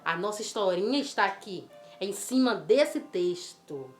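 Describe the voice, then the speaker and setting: A woman telling a Bible story to children, animated and coaxing, asking the listener questions. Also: mid-range voice, measured pace. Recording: roomy with faint music.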